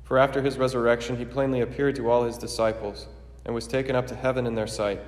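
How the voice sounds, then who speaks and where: A priest celebrating Mass, reciting the liturgy in a steady, measured way, his voice ringing with a cathedral echo. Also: medium pitch. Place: large church. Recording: echoey church with long reverb.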